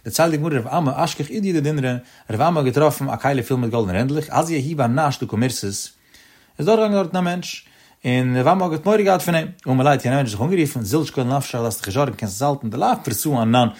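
Guy w/ ish doing a talmud lesson, sing-song, talks fast. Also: medium pitch, expressive, darkish tone. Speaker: Talmud teacher. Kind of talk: Talmud lecture.

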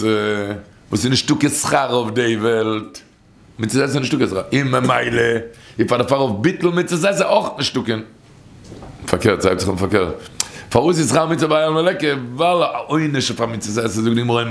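Gravelly man telling a rambling teaching story. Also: medium pitch. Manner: rambling, repeats phrases and restarts often.

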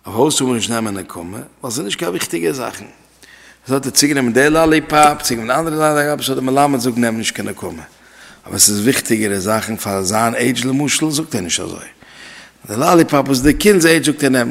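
A man with a gravelly, creaky voice gives a class on religious law. He repeats his key phrases and asks questions aloud. His voice rings out with a long reverb, as if in a hall. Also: medium pitch, expressive, fast. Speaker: religious teacher.

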